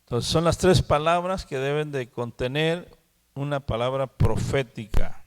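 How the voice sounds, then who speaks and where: A man teaching the Bible at a prayer meeting. He talks slowly, repeats words and keeps asking "¿sí?". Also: mid-range voice, clean tone, long reverb tail. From Mexico. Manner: slow, repeats words and asks "¿sí?". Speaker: preacher.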